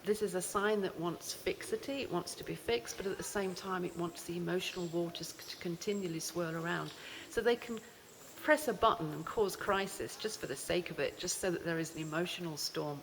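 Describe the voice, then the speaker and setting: Woman, astrologer, cave echo, long reverb, gravelly low voice, pauses with um. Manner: unhurried, often pausing with "um". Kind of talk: spoken astrology explainer to camera. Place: cave deep in a mountain range. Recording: long cave reverb, faint background noise.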